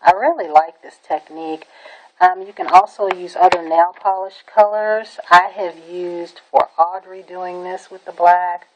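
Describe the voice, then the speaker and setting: A woman's voice: lowish voice, lively intonation, unhurried, muffled recording, a little hiss or hum. A woman giving a casual nail art tutorial, talking in a chatty, enthusiastic way with frequent "um"s as she works. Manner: chatty and enthusiastic, with many "um"s and repeated "really, really". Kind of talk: casual how-to demonstration.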